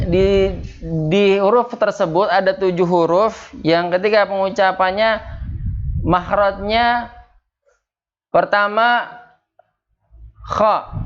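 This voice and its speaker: A man's voice: high-pitched, highs cut off. A man teaching Quran recitation rules at a home study circle, patiently drilling Arabic letters and quizzing his students.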